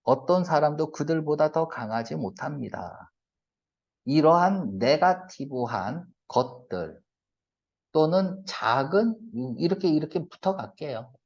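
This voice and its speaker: Male reading teacher, animated delivery that swings between polite and blunt, keeps quizzing the class; dull lo-fi lecture capture. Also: fairly high pitch, gravelly. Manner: brisk, fires rhetorical check-questions at students; switches between polite and blunt casual speech. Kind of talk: exam-prep lecture. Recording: lo-fi lecture recording.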